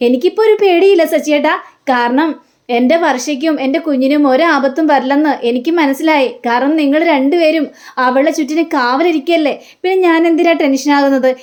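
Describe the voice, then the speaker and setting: A woman's voice: high voice, a little fast, darkish tone, lightly acted. Woman doing an earnest, emotional young man. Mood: moved.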